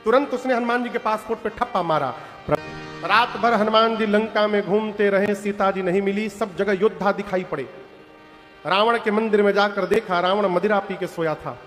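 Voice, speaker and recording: A man's voice: high voice, steady tone, moderate pace, fairly bright tone. A man from Purvanchal with a Purvanchal Hindi accent, a devotional storyteller who tells sacred tales in a folksy way, speaks directly to his audience, and breaks into sung verses. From Purvanchal, India. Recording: long hall reverb with music.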